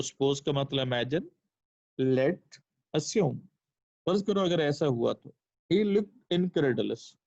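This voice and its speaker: A male English teacher giving a lesson in Urdu, speaking deliberately and repeating each translation, on a dull lo-fi recording. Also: a little high, a little mellow, no room sound. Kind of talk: language lesson explaining English sentences in Urdu.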